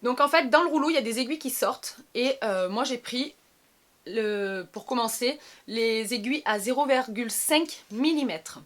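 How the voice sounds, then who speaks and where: A woman's voice: a little high, normal speed, fairly bright tone. A young woman chatting casually through her skincare routine, with many hesitant fillers. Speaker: beauty vlogger.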